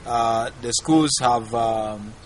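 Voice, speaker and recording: Male interpreter, slow and halting, frequent pauses, faint outdoor hiss. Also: mid-range voice. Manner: halting, many filler pauses. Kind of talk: interpreting speech into English.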